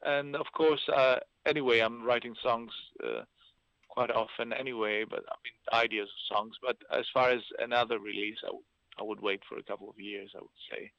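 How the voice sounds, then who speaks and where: A man from Greece who grew up speaking Italian talks hesitantly, with lots of fillers, as a musician being interviewed over a call. His mid-range voice is steady and creaky at normal speed, with no echo on a dull, dry line.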